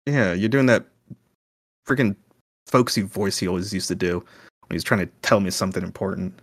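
Rattled adventurer son, played by a man, halting, sarcastic, close dry sound, improvised tabletop fantasy. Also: sits low, dry recording. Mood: bitter, sarcastic. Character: rattled, sarcastic son lost and searching for friends. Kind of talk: improvised tabletop role-play.

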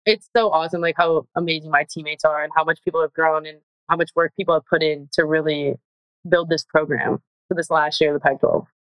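A young woman, a college softball player, talking earnestly in a casual interview and leaning on "like" a lot. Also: low voice, flat delivery, fairly quick, clean tone, no room sound, highs cut off. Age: young adult. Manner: earnest, heavy use of "like", gets emotional.

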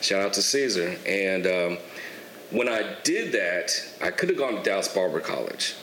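A barber and clothing entrepreneur in his twenties guests on a podcast, telling his story in a relaxed, candid way and swearing casually. He speaks at a normal speed in a fairly low voice, in an echoey room with faint hiss underneath.

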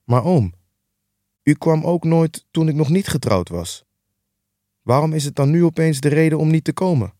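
A man's voice: on the high side, lively intonation, moderate pace, pauses often, warm tone, no echo, voice pushed up, lightly acted. A man voicing a relentlessly cheerful young nephew in an audiobook reading, earnest, upbeat and pleading. The recording is dry and close.

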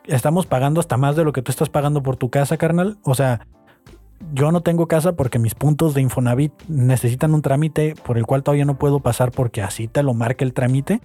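A man's voice: mid-range voice, brisk, warm tone, faint music behind. A young man with a Mexican accent, hosting a podcast and telling a story in a slangy, casual way with frequent exclamations. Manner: slangy, laughs and exclaims while retelling gossip. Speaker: podcast host.

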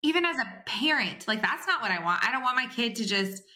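A woman hosting a faith podcast, speaking in a fairly high voice with a bright, forceful tone. She affirms what her guest says and talks directly to her listeners in a relaxed, conversational manner. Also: brisk. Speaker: podcast host.

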